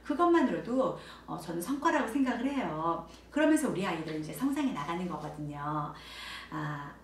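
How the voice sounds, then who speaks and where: A woman directing a child training center, explaining parenting methods to camera in an animated way and acting out bright exclamations to children. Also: on the low side, fairly quick. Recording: echoey room, voice a bit far from mic, faint background noise.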